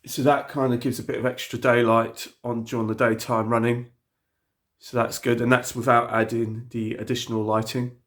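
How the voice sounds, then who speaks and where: A man with a medium-pitched, flat voice speaks at normal speed while touring viewers around his model railway layout in his hobby room. He's got a cold and sounds sniffly, rambling casually with plenty of fillers and false starts.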